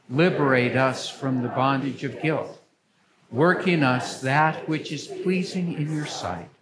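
An older man speaking as a pastor, reading liturgy to a congregation in a church with measured, solemn phrasing. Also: medium pitch, poor audio. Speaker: pastor leading worship.

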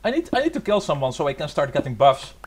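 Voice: medium pitch, very animated, quick pace, noisy background. A giggly gamer chatting casually over a game and putting on pirate talk, often breaking into laughter. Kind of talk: casual gaming chat with put-on pirate talk. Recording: music playing clearly under the voice.

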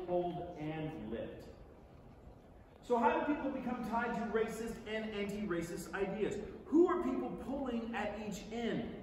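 An American man performs a book as a dramatic staged reading for an audience on a large indoor theatre stage. His high, darkish voice is conversational yet deliberate and theatrical, with emphatic pauses. A far-off audience camera captures it, so the recording is distant, echoey and noisy.

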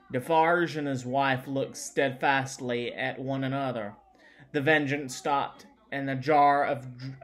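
A man reading a classic novel aloud, halting often and restarting words. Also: medium pitch. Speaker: audiobook reader.

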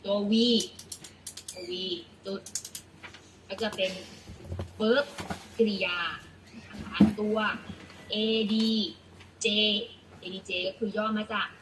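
Woman teacher, unhurried lesson delivery, patient and repetitive, mid-pitched. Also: fairly even intonation, noisy background. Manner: patient, repeats "นะคะ" often, spells out letters. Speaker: English teacher. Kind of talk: classroom lesson explanation.

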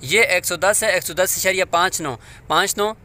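A man walks learners through a practical method one step at a time, his voice high and bright. He checks in with questions as he goes, recorded outdoors with faint traffic hum behind him. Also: normal speed. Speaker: teacher. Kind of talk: hands-on classroom demonstration.

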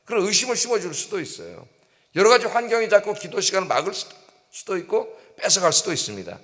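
A middle-aged man preaches an early-morning sermon with a fairly high voice. His delivery is emphatic, with frequent prompts to the congregation. The sanctuary gives his voice a long, ringing reverb. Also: very animated, fast, a bit bright. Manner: emphatic, keeps prompting the congregation, acts out quoted cries. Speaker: pastor. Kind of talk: dawn service sermon. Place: church sanctuary.

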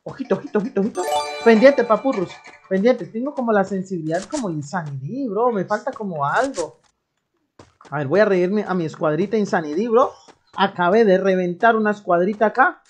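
A woman's voice: mid-range voice, animated, a little fast, slight background noise. A young woman from Colombia, live-streaming a game and hyping up her chat in slangy banter. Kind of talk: live gameplay commentary.

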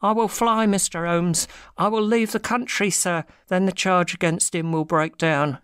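A woman's voice: fairly low pitch, steady tone, normal speed, a bit bright, smooth, no echo, clean studio sound, close to an everyday voice. A woman playing a small, frightened, cowardly man, servile and pleading, in an audiobook dramatic reading. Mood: desperate, pleading. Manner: nervous, pleading, deferential.

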